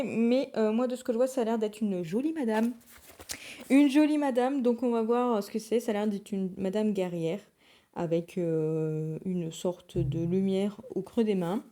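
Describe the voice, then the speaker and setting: Chatty young woman with a mellow voice. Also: medium pitch. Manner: chatty, rambling, many hesitations. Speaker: book vlogger. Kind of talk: casual chat to camera.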